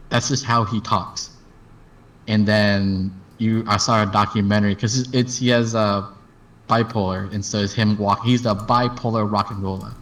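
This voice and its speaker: Rambling low-voiced man. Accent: general American. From Texas. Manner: rambling, storytelling with many restarts. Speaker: streamer host. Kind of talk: casual chat.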